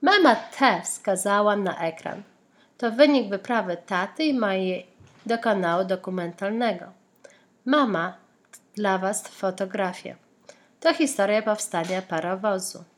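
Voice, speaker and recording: A woman's voice: medium pitch, a little slow. A woman reading a children's picture book aloud, voicing the characters' lines and asking the young listener questions and riddles about the pictures. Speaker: storybook reader.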